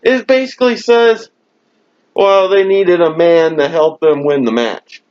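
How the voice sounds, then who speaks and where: A man rants in a fairly high voice, dragging out his words slowly and swearing at almost every turn. He sounds fed up and throws in mocking laughs. The sound is dull and lo-fi, like a cheap mic at home. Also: a little mellow, clear, resonant tone. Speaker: wrestling show reviewer. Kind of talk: profane ranting review. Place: home room.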